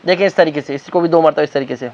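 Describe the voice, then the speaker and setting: A man with a high voice teaches the call to prayer. He alternates quick spoken explanation with slow, drawn-out chanted demonstrations. The recording sounds dull and lo-fi. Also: a little mellow. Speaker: religious teacher. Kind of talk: recitation lesson.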